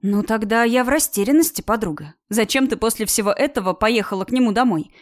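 A woman's voice: fairly high pitch, expressive, fast, lightly acted. A woman reading an audiobook, voicing a bold young woman who talks with sarcasm and indignant emphasis. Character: bold, sharp-tongued young woman friend. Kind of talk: audiobook character voice.

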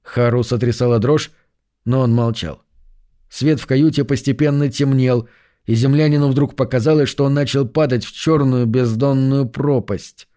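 A man narrating a science fiction audiobook in an even, measured way. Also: mid-range voice.

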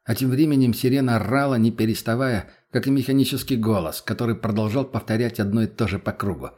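Male narrator, blunt and crude, matter-of-fact audiobook read, mid pitch. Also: quick pace, darkish tone.

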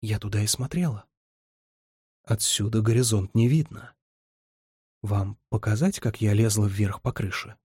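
A man's voice: lowish voice, unhurried, pauses often, warm tone, breathy edge, dry recording, studio quality. A man reading the lines of a spirited, teasing young woman in an audiobook, lifting his voice somewhat for her. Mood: wistful.

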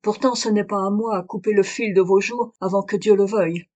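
A woman's voice: mid-range voice, steady tone, a little fast, a little mellow, lightly acted. Woman reader doing a dignified foreign woman, foreign accent, firm, earnest. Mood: scornful. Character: proud exiled woman, dignified, confessing a crime.

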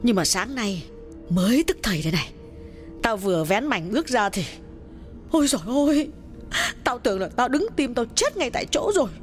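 Woman reading as a scared older village woman, trembling, urgent, higher voice, faint music behind. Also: lively intonation, normal speed, natural voice. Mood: frightened. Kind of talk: audiobook dialogue reading.

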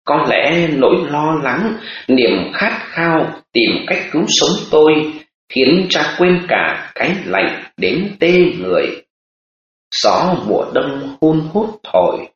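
A man reading a story aloud as an audiobook narrator, slowly and expressively. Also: medium pitch, a little hiss or hum. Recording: echoey, dull audiobook recording.

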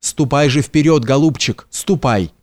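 Male narrator doing an old house steward: homely, coaxing, unhurried, mid-range voice. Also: mid-range voice, darkish tone, close to an everyday voice. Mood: fretting. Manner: homely folksy speech, slow and soothing. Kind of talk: audiobook character reading.

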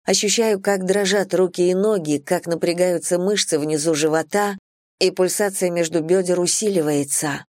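A woman narrating a first-person romance audiobook in an even, intimate, low-key reading. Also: moderate pace, no echo, studio quality.

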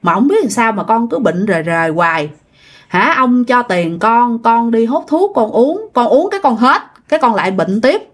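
A woman's voice: on the high side, sing-song, moderate pace. Brief: woman doing a baffled, sickly young Southern Vietnamese farmer, humble tone. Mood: puzzled. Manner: humble, puzzled explaining.

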